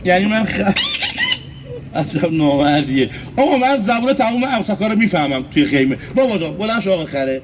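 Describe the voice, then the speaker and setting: His high voice takes on a sing-song lilt as the Iranian puppeteer from Isfahan jokes with his puppets and addresses the audience during a street performance. Loud music and background noise fill the outdoor setting.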